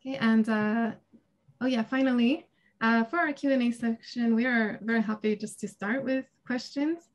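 On a video call, a woman in her thirties presents her research and takes questions at a conference, speaking casually with hesitations and laughter. Her voice is a little high and her pace moderate. She's in a small home room with shelves, picked up by her webcam.

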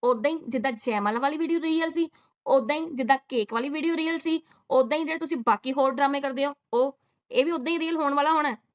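A woman's voice: sits high, quick pace, muffled recording. A woman doing sarcastic reaction commentary, scolding and mocking with rhetorical questions. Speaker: reaction vlogger.

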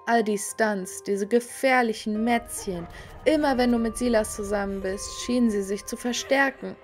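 A woman voicing a worried, overprotective middle-aged mother in an animated story, anxious and pleading. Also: a little high, moderate pace, soft background music, lightly acted.

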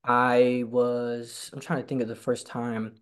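Speaking slowly in a level, clean, mid-range voice, this young adult guest stutters and fills his speech with fillers and repeated words. It's a casual video-call interview recorded on a laptop webcam in a room at home by the stairs.

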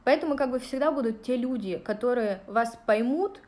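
A vlogger from Russia in her thirties fields viewer questions on a livestream, speaking casually and directly with many fillers. Her voice is a little high and a little mellow, at a moderate pace. She holds her phone at arm's length to record in a small room.

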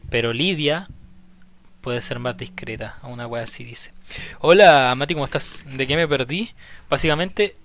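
A man's voice: medium pitch, normal speed, a bit bright. A young Chilean man streaming a horror game live, nervous and swearing, repeating lines when scared. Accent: Chilean Spanish. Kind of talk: live horror gameplay commentary.

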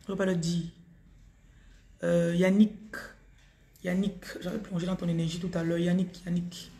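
A woman's voice: fairly low pitch, little pitch movement, moderate pace, warm tone. A woman with a Cameroonian French accent doing a live-stream energy reading, calling viewers by name and telling them what to do. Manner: calls out viewers' names repeatedly, gives direct advice. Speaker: spiritual reader on a live stream. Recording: roomy echo.

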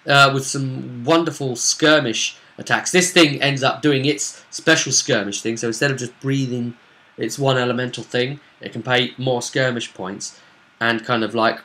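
Speaking at a measured pace with fairly even intonation, the man's medium-pitched voice carries a sharp tone. He's a twenty-something vlogger in a small home room, narrating a role-play game session like a casual story and acting out lines along the way.

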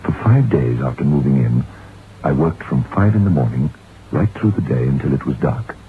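On a noisy, tinny old recording, an actor voices a brooding novelist who reflects on his haunted story in measured 1960s radio drama fashion. His pitch is extremely low, and his delivery is expressive.

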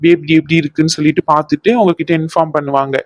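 A young male doctor who reassures his anxious family and teases his sister, as a cartoon performer voices him. His tone is steady and plain. The recording is dry, with no room around it. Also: mid-range voice, rapid-fire, dry recording, close to an everyday voice. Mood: reassuring. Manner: reassuring, bossy at times. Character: calm young male doctor, teasing brother. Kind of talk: cartoon voice acting.

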